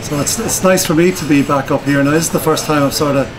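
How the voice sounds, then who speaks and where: A chef and restaurant owner, born in Dublin and raised in Donegal, Ireland, explains his dish in a casual interview. His voice is fairly high and fast, and his manner is easy and enthusiastic. The recording has clear background noise.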